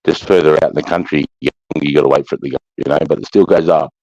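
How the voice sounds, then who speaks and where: This live-chat host is an Australasian man with a warm bass voice who talks very fast, keeping his intonation fairly even. He's casual, slangy and blokey, with plenty of swearing. There's no room sound, but the audio is dull and lo-fi.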